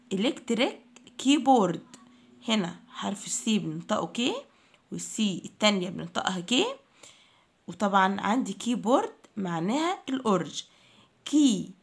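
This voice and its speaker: A woman with an Egyptian Arabic accent teaching English words to children, slowly repeating each word and spelling it out letter by letter. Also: medium pitch, gravelly.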